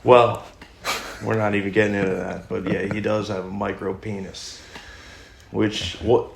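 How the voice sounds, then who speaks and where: A young man with a heavily gravelly, low voice, fighting a cough while he rambles through crude, deadpan jokes. The garage gives his voice an echoey ring. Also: unhurried, slight background noise. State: coughing, recovering. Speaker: podcast co-host. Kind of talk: casual banter. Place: unheated home garage.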